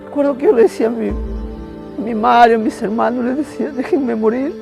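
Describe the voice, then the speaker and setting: A man telling an emotional religious testimony in a halting way, again and again calling his listener "brother". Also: very high voice, fairly even intonation, vocal fry, over music, low-quality recording. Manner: halting, keeps addressing the listener as "hermano". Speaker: guest giving a religious testimony.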